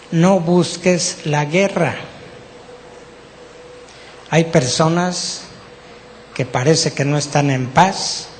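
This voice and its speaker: A man's voice: mid-range voice, long reverb tail, a little hiss or hum. A Mexican man preaching a sermon to his congregation, teaching patiently and often checking that his listeners follow along. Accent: Mexican Spanish. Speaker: pastor. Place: church hall.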